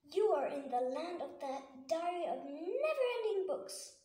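A woman voicing a cheerful young female fairy from a storybook, bright and excited. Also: very high-pitched, measured pace, exaggerated voice. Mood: cheery. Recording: echoey room.

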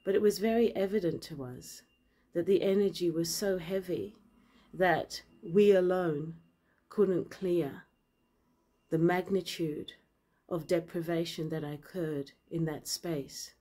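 Here a woman in her forties who grew up in Zambia, a vlogger and author, makes an impassioned personal address to camera in a low-sided voice. She holds the phone at arm's length in a bright room with big windows and plants, speaking earnestly, first measured and then forceful.

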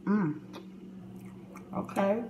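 A woman's voice: medium pitch, extremely slow. A woman eating-vlogging and chatting to viewers with her mouth full. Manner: chatty, addresses viewers as y'all. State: mouth full while talking. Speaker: mukbang vlogger. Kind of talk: casual eating vlog chat to viewers. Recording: echoey room with noticeable noise.

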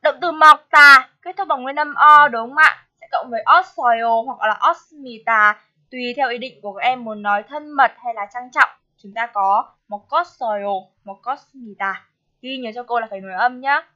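A woman's voice: fairly high pitch, moderate pace, sharp tone, lo-fi sound. A woman teaching a language course, patiently explaining grammar and asking her students check questions.

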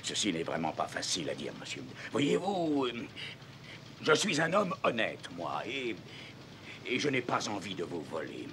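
An actor playing an excitable, blustering older ship's captain in a French film dub, spluttering and exclamatory. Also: male voice, fairly low pitch, unhurried, noisy background. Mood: confiding.

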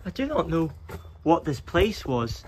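Fairly high and sing-song, the voice moves unhurriedly with slight background noise. A young man vlogging as an urban explorer walks outdoors and through an abandoned building with a handheld phone, nervously muttering to himself, jumpy and quick to get spooked.

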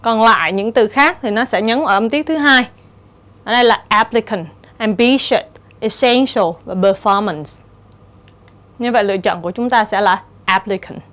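A woman teacher with a Vietnamese accent, explaining exam answers step by step and reading English example words slowly. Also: a little high, a bit bright. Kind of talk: exam-prep lecture.

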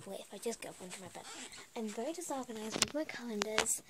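Amid heavy background noise, a teenage girl vlogs from her small bedroom on a webcam or phone held at arm's length. Her high-ish, expressive voice is going hoarse as she chats casually, rambling slowly and hesitantly with lots of ums.

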